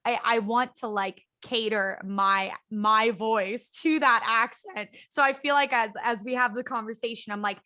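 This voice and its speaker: A woman's voice: on the high side, fairly even intonation, pushed and bright, no echo. A young woman hosting a podcast, upbeat and enthusiastic in casual interview chat. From United States. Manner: upbeat, enthusiastic, quick reactions. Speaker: podcast host.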